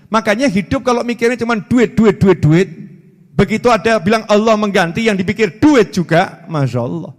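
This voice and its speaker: A man in his forties with a Javanese-inflected Indonesian accent, giving an animated, joking sermon full of repetition. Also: high voice, brisk. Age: 40s. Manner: animated, repetitive, jokey storytelling. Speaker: preacher. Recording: reverberant hall.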